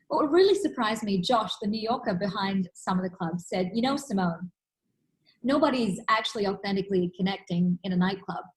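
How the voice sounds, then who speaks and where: An Australian woman delivers a keynote talk, telling stories earnestly and emphatically. Her voice sits on the high side, and the recording is rough.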